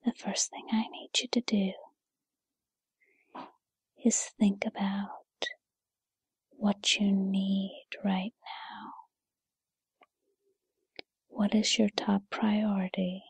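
A woman's voice: mid-range voice, flat delivery, dry recording, heavily acted. Woman as a whispering fairy godmother, whispered role-play. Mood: gentle, reassuring. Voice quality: breathy, unvoiced whisper. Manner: soothing, encouraging, unhurried second-person address. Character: gentle, patient, reassuring fairy godmother granting wishes.

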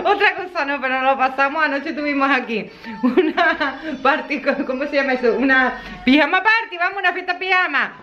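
A woman's voice: high voice, a little slow, sharp tone, highs cut off. A woman with a Spanish accent from Spain, chatting casually in a vlog, laughing often and sighing with emotional exclamations. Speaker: vlogger.

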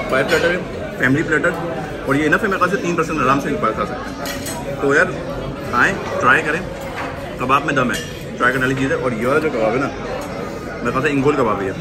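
A man, reviewing dishes casually and eagerly at a busy restaurant table, filmed on a phone. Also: mid-range voice. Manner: chatty, enthusiastic about the food. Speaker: food vlogger. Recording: loud restaurant crowd and music. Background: loud crowd chatter and music.

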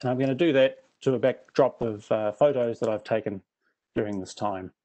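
New Zealand man with a mellow voice. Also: medium pitch, a little fast. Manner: dry self-deprecating humour. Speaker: presenter. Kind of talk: prepared presentation talk.

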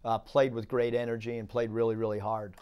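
A man in his forties, a basketball head coach, answering interview questions courtside in an arena, with halting restarts, on a lapel mic. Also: medium pitch, flat delivery, clean tone, muffled recording. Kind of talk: post-game interview.

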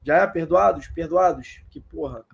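A young man co-hosting a football live stream, excitable and joking, laughing and swearing often. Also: a little high, normal speed, gravelly, muffled recording, a crowd in the background. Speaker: co-host of a football channel. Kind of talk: casual live-stream chat.

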